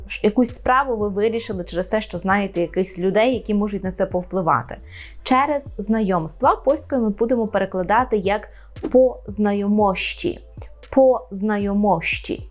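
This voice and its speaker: In an online language lesson, a woman with a medium-pitched voice and lively intonation explains slowly, repeating every phrase and frequently checking with "right?". Soft music plays in the background.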